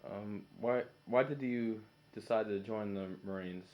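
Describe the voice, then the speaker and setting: A man with a fairly low voice reads out interview questions. The recording is a little dull and lo-fi. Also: unhurried, darkish tone, slight background noise. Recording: slightly dull, lo-fi sound.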